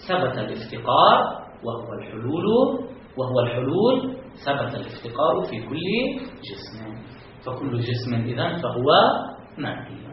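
A man's voice: medium pitch, noisy background. A man teaching a philosophy lesson, walking through an argument and asking rhetorical questions that he then answers himself, with stress on the key terms. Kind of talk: classroom lecture explaining a text. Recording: echoey, distant, muffled room recording.

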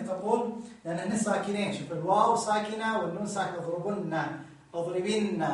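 A man teaching grammar, repeating examples slowly and telling listeners to notice each form. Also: high voice. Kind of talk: explaining grammar rules with examples. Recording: very echoey room, distant mic.

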